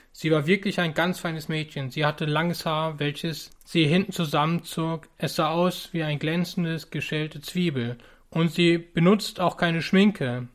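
A man preaches with earnest urgency, pressing warnings on his listeners. His voice sits a little high for a man, and he speaks in the measured cadence of a sermon.

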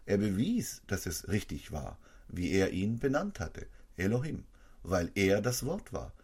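A male preacher giving an emphatic sermon, his voice climbing sharply in pitch and loudness to drive points home. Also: very animated, measured pace, breathy edge.

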